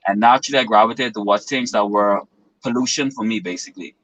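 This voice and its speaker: A man's voice: on the low side, quick pace, a bit bright, no echo, poor audio. A man in his twenties from the Bahamas, talking as a guest in an earnest, philosophical way with long winding explanations. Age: 20s. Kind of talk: reflective interview talk.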